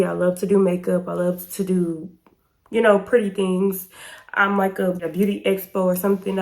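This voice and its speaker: An American YouTube vlogger in her 20s shares a casual storytime to camera in a mid-range voice, sounding slightly hoarse and stuffy from pollen. Her manner is informal and chatty, full of slang and emphasis.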